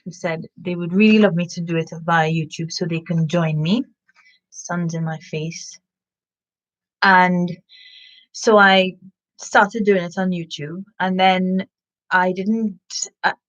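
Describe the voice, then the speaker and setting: A woman hosts a live story time for children, chatting with listeners and reading a picture book in an animated, expressive way, with sniffs and asides to her audience. Her voice is fairly low. The recording sounds muffled.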